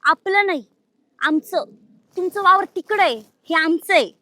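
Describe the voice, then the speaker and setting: An actress playing a quarrelsome sister-in-law, combative and mocking. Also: female voice, very high voice, animated, unhurried, sharp tone, no room sound, full character voice. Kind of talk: Marathi village drama acting.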